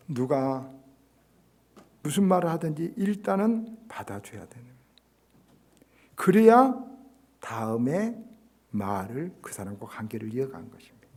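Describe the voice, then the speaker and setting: A middle-aged male pastor delivers a sermon with a fairly high, very lively voice. He moves from near-shouted exclamations to hushed whispers. He acts out quoted exchanges in a scolding tone. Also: gravelly. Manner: dramatic, swings between loud exclamations and hushed whispers.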